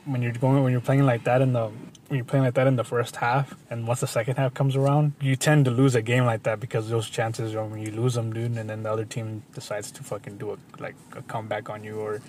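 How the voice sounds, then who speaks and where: A man's voice: mid-range voice, little pitch movement, fast, a little mellow, slight background noise. Rambling man who keeps saying "dude". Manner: rambling, says "dude" constantly, restarts sentences. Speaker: podcast co-host. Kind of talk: casual sports chat.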